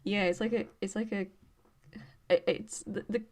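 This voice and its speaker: A young woman from Birmingham with an English accent, chatting casually with her live stream viewers in a hesitant, rambling way, full of fillers and quick laughs. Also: mid-range voice, steady tone, darkish tone. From Birmingham, England. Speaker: study stream host.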